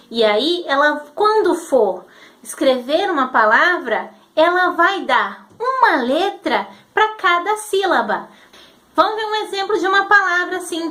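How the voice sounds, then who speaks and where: A woman, teaching patiently and sounding out syllables slowly as she explains. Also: sits high, sharp tone. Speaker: literacy teacher. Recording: roomy echo.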